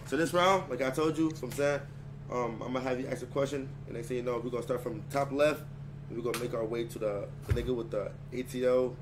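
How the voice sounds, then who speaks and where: A man's voice: medium pitch, fairly even intonation, fast talker, over music. A man hosting a dating game on stream, giving orders in slang and repeating "bet" and "I'm saying.". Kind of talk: casual hosting over a group call. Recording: noisy stream call audio with hum.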